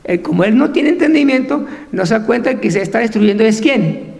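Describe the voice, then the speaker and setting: A man's voice: sits high, lively intonation, brisk, creaky, a little mellow, big-room sound. A man preaching a fervent sermon as pastor, asking rhetorical questions and acting out the voices of Bible figures.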